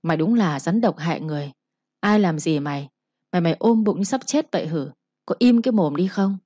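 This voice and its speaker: A woman's voice: on the low side, lively intonation, fairly quick, dark tone, slightly rough, no room sound, lo-fi sound. Woman playing an indignant young first wife. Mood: angry. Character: proud young wife defending herself.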